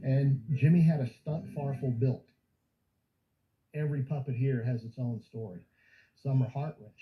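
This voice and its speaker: A man's voice: mid-range voice, fairly even intonation, moderate pace. A man speaking as a museum guide in an informal documentary interview, explaining and telling stories. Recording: muffled audio with music behind. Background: background music.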